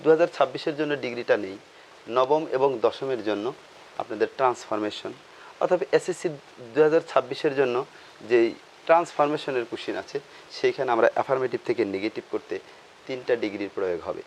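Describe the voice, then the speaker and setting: A man's voice: medium pitch, quick pace, a little hiss or hum. A man teaching a grammar lesson, asking questions and answering them himself, repeating key terms.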